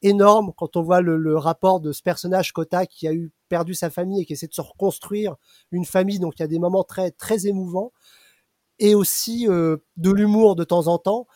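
A man's voice: sits high, steady tone, fairly quick, warm tone, no echo, studio quality. A man reviewing a comic in casual radio chat, hesitant with fillers.

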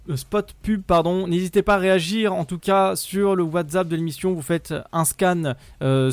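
Man, radio host, studio mic, dry sound, somewhat high voice, halting casual talk. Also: dry recording. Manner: loose, hesitant, lots of fillers.

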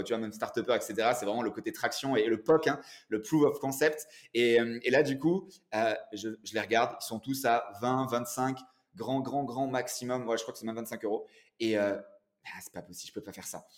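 A man in his forties, a guest entrepreneur and coach, telling his story in a casual interview with lively energy. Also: mid-range voice. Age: 40s.

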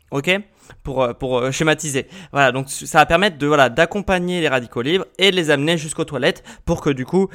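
A man hosting a podcast, explaining health and fitness casually to the listener, with many filler sounds, restarts and quick check-ins. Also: fairly high pitch, a bit bright. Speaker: podcast host.

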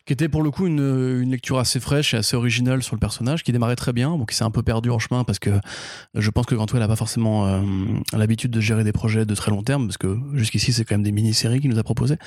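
A man's voice: medium pitch, steady tone, fast talker, a little mellow, dry recording, studio quality. A man, co-hosting a podcast in casual chat, talkative and explaining at length with fillers. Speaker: podcast co-host.

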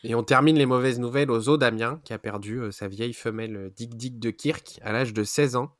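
A man's voice: medium pitch, fairly quick, fairly bright tone, dry recording. French guy doing zoo news on a podcast, lots of euhs and restarts, dry close sound. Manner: frequent hesitations and self-corrections. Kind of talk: casual news roundup.

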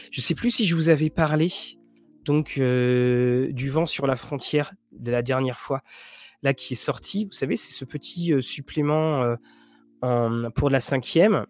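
A man with a medium-pitched, slightly mellow voice hosts a casual show about role-playing games and series, chatting to viewers in a dry recording. He rambles, restarting sentences often and using lots of fillers.

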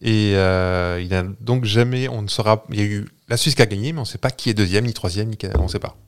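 Low-voiced French man, halting chat. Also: clear, resonant tone. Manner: hesitant, many fillers and restarts, explains facts. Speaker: podcast co-host. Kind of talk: casual chat.

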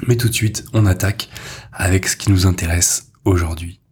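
A man's voice: low voice, fairly even intonation, moderate pace, darkish tone, a little hiss or hum. A man hosting his own podcast, talking informally and directly to the listener, with fillers like "euh" and "bah". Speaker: podcast host. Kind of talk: solo podcast talk.

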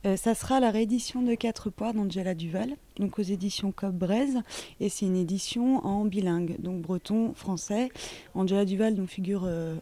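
A woman's voice: mid-range voice, mellow. A woman bookseller recommending a reissued book in a plain, matter-of-fact way.

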